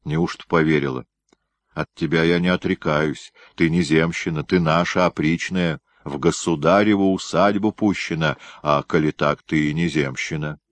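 A brooding young guardsman of old Russia, read by a male audiobook narrator. He speaks in earnest, folksy old-fashioned phrases, torn between duty and love. The voice sits low and close, with a dry, dead sound. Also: fairly even intonation, moderate pace, no room sound. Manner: old-fashioned folksy speech, tender and troubled. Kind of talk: audiobook character reading.

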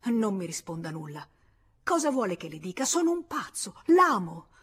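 An ardent young man pleads his love in a passionate, insistent way, as a woman reading an audiobook puts him on. The voice stays husky and breathy at a middle pitch. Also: big pitch swings, normal speed, fairly bright tone. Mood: pleading.

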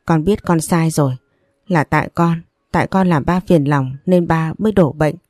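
A woman's voice: sits low, moderate pace, a little mellow, no echo, clean studio sound. A woman voicing a young, spoiled but loving rich daughter who talks in an emotional, pleading way.

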